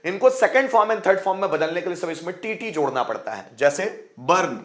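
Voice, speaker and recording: A man's voice: high-pitched, expressive, fairly quick, a bit bright. A man teaching English grammar rules in Hindi, often repeating words aloud and putting questions to his viewers.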